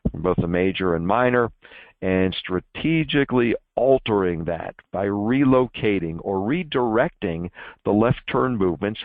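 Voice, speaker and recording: A lower-voiced man giving a technical talk in a plain, explaining tone. He fills his pauses with "uh" and slips in self-deprecating jokes. The sound is dry and thin, like a phone line. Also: no echo. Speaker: presenter. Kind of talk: technical presentation.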